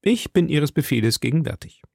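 A man voicing a proud, fearless young musketeer who speaks earnestly and forcefully. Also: a little high, lively intonation, brisk, vocal fry, husky, no echo, studio quality, pitched above the performer's own voice, full character voice.

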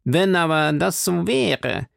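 A man doing a probing, doubtful commissioner, high and gravelly. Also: expressive, slow pace, dry recording, clean studio sound, exaggerated voice. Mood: interrogating. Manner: probing, doubtful interrogating questions. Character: suspicious, sharp-eyed male police commissioner.

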